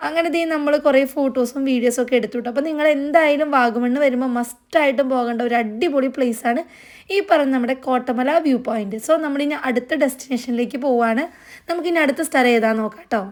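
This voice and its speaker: A woman's voice: high-pitched, fast talker. A woman narrating a casual travel vlog in a chatty way, speaking straight to viewers. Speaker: travel vlogger.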